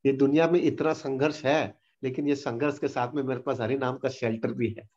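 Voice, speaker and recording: A man answering devotional questions on a video call, earnest, mixing Hindi with English phrases and slowing down to stress points. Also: mid-range voice, fairly even intonation, a little mellow, highs cut off. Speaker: spiritual teacher answering questions. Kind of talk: devotional Q&A session.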